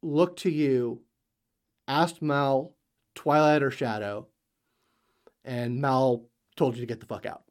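A man narrating as game master of a tabletop game, halting with many fillers. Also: mid-range voice.

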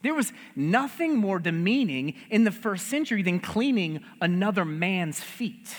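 A male pastor giving a sermon, conversational and humorous, telling the story with animated, lively delivery. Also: high voice, measured pace, big-room sound.

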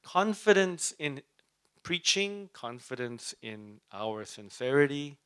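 He teaches his Bible study sermon slowly and conversationally, his smooth, slightly bright medium-pitched voice swinging widely in pitch. Fillers crop up, and he often asks "right?", all captured on a dry recording.

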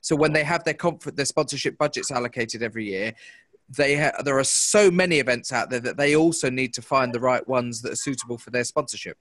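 A man's voice: medium pitch, a little fast, a bit bright, no echo. A man hosting a podcast, introducing and questioning his guest with many hesitant fillers. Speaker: podcast host. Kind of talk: podcast interview.

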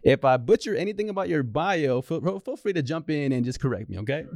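A man's voice: on the high side, lively intonation, a little fast, darkish tone, no echo. A man hosting an interview podcast in a studio, upbeat and encouraging toward his guest. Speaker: podcast host.

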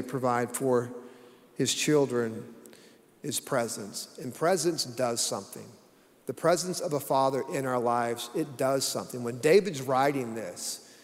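A middle-aged man preaching a conversational sermon as pastor, telling stories folksily and repeating key phrases for emphasis. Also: a little high. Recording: long reverb of a large hall.

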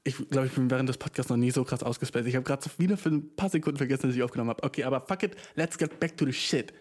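Young man with a mellow, slangy delivery. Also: mid-range voice, racing. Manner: rambling, profane, slangy, mixes in English words. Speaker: podcast host. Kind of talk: casual podcast monologue.

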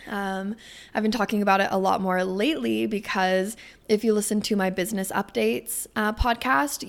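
Young woman, heavy vocal fry, mid-range pitch, enthusiastic podcast host, rambling casual promo talk. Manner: gushing, enthusiastic; rambling, digressive, casual swearing.

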